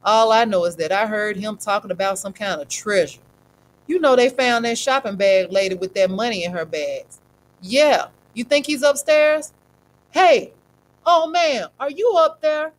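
A woman voicing rough young male thugs who talk in a threatening, street-tough way. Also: medium pitch, lively intonation, normal speed, slight background noise, close to an everyday voice. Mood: menacing.

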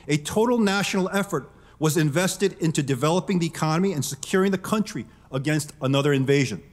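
A middle-aged man giving a formal prepared keynote speech from a podium, measured and emphatic. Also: on the high side. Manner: measured, emphatic, gestures while speaking. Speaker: keynote speaker. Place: large conference hall. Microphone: podium microphone. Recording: long reverb of a large hall.

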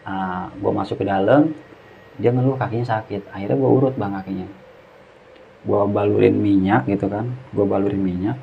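Over a muffled, lo-fi recording with a faint hiss, a man with a lowish, steady voice and vocal fry tells a story at normal speed. As the guest storyteller, he uses casual Jakarta slang and performs the characters' lines.

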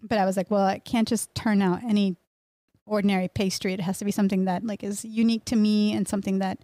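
Talking fast in a level, dark-toned, medium-pitched voice, a Mexican-born woman from Miami gives a casual podcast interview about her work as a pastry chef and bakery owner. The middle-aged guest is close to a boom-arm studio mic, wearing headphones, in a small indoor room with no echo.

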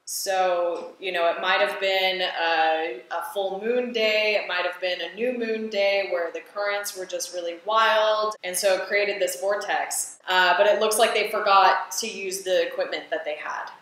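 A woman's voice: mid-range voice, steady tone, a little slow, few pauses, a bit bright. A woman, a scuba diving instructor, chatting animatedly as she reacts to and explains dive footage. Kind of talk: casual reaction commentary. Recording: very echoey room, faint ambience.

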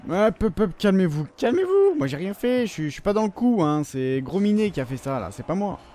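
A man giving live commentary over his gameplay, ranting and swearing in frustration, then talking himself back into calm. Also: high-pitched, a little fast. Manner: profane, frustrated ranting that swings between outbursts and calming himself. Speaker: gamer recording his gameplay.

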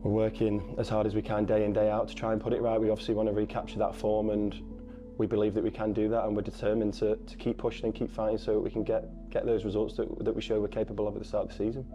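A man talking as a footballer in an interview, quick and hesitant, with many fillers and restarts. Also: fairly low pitch, monotone, music in the background. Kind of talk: post-match interview.

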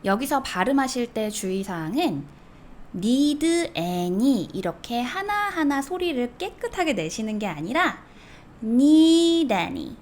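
A young woman teaching English phrases, saying the example sentences slowly and clearly and explaining them in Korean. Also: on the high side, big pitch swings. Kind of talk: language lesson.

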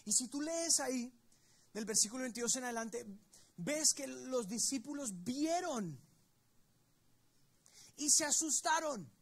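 A man's voice: very high voice, expressive, normal speed, vocal fry. A man preaching a sermon to his church, telling the story with emphasis and speaking straight to the congregation. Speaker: pastor. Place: church service.

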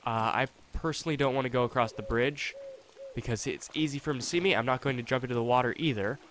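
A young man giving casual gameplay commentary, chatty and thinking aloud, with excitable reactions. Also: mid-range voice, fast, a little hiss or hum. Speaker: let's play host. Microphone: desktop USB condenser mic.

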